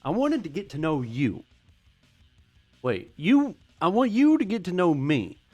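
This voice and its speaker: Animated, rambling American guy. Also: high voice, measured pace, no echo, soft background music. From United States. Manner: rambling, sarcastic, self-deprecating. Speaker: YouTube host. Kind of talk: casual commentary.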